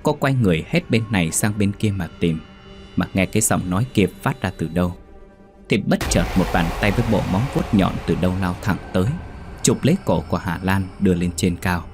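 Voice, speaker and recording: Deep-voiced male horror narrator. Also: a little fast, music in the background.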